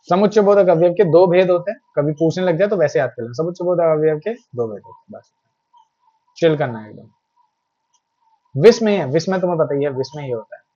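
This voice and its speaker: A man's voice: fairly high pitch, mellow. Chatty male Hindi tutor, lo-fi audio. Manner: chatty, reassuring, mixes English phrases. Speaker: Hindi teacher. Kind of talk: online grammar lesson.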